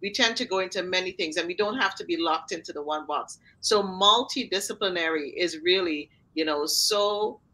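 A middle-aged talk show host and mental fitness coach, of Trinidad and Tobago heritage with a slight Trinidadian accent, conducts an interview by video call from a room in her home. Her lowish voice is bright and forceful, moving at normal speed with few pauses. The tone stays warm, upbeat, enthusiastic and encouraging throughout.

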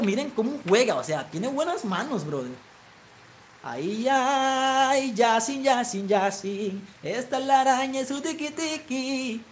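Slight background noise surrounds a high-voiced young streamer from Colombia's Caribbean coast who gives live football game commentary and talks casually with viewers. He speaks coastal Colombian Spanish, and his voice climbs whenever he yells out a goal.

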